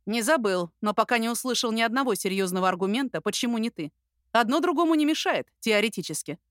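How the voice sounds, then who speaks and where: A woman voicing a calm, wry male best friend. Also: a little high, fast talker, dry recording, studio quality. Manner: steady, reassuring, wry.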